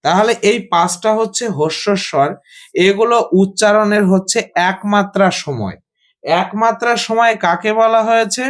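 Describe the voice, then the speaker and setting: High-voiced man teaching slowly. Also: fairly bright tone. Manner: slow, explanatory, repeats and quizzes students. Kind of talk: Sanskrit grammar lesson.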